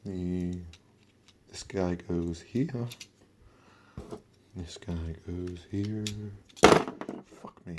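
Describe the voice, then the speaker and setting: A man who sounds under the weather, giving a casual, halting, offhand hands-on toy review and talking through each step. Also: low-pitched, heavy background noise. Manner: offhand, halting, mildly sweary.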